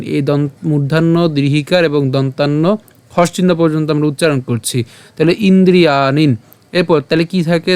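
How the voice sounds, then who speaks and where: A man teaching Sanskrit verse recitation, slowly repeating each syllable and asking questions as he goes. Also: on the high side, a little mellow, clean tone, dry recording. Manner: patient, repeats each word slowly and asks rhetorical questions. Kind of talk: slow syllable-by-syllable pronunciation lesson.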